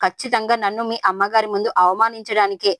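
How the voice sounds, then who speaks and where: A woman's voice: medium pitch, flat delivery, quick pace, fairly bright tone, no echo, natural voice. A woman voicing a proud, touchy young wife who speaks with resentment and indignation. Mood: indignant.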